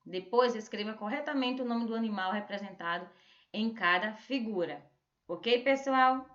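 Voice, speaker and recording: A Brazilian woman teaching a remote lesson, drawing out words slowly to show stressed syllables. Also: on the high side, fairly bright tone. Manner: slow, drawn-out word modelling with stressed syllables. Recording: echoey room, dull lo-fi sound.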